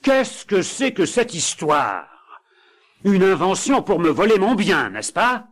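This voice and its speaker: Brief: man putting on an outraged old miser's ghost in a storybook, high and shrill, barking orders, breathy. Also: expressive, normal speed. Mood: furious. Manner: shouting, outraged, bossy.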